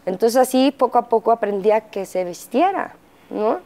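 A middle-aged woman with a Mexican accent telling her story as an interview guest, pausing often with fillers and acting out quotes. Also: on the high side, lively intonation, mellow. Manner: halting, frequent fillers, acts out quotes. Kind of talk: candid interview testimony.

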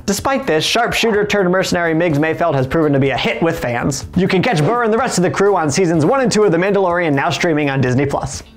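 A man's voice: on the high side, lively intonation, fast, hardly any pauses. A man in his thirties with an American accent, presenting scripted, upbeat entertainment news in a studio. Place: studio, on camera.

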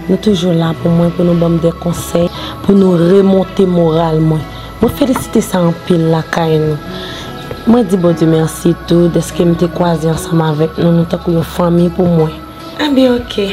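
A woman's voice: lowish voice, lightly acted. A woman playing a grateful churchwoman. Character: grateful churchwoman thanking her friends. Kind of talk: amateur drama acting.

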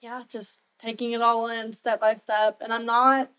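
A woman's voice: on the high side, level tone, normal speed, pushed and bright, clean tone, rough recording. A young woman talking in an upbeat, chatty way with many fillers in a casual interview, as a new real estate agent. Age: young adult.

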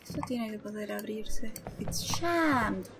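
Slow-talking nervous woman gamer. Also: mid-range voice, expressive, background noise. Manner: nervous, talks to herself while playing a horror game. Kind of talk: let's play commentary.

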